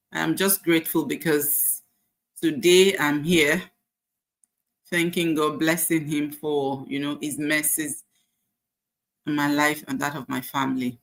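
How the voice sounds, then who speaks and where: Here a woman's low-pitched voice carries vocal fry and a touch of brightness. She is a Nigerian nurse in her forties giving a relaxed personal testimony about her journey, encouraging and faith-centered, with frequent filler words.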